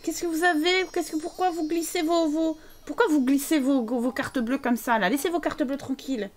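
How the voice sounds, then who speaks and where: A woman's voice: high voice, steady tone, normal speed. A woman streaming a life-sim game live, chatting playfully to her characters and thanking viewers as she goes. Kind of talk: live gameplay commentary.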